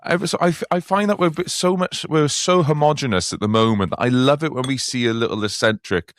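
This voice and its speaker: A man co-hosting a comedy podcast, riffing playfully and adding quick jokes. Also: medium pitch, no echo, studio quality. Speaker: podcast co-host. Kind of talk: casual comedic chat.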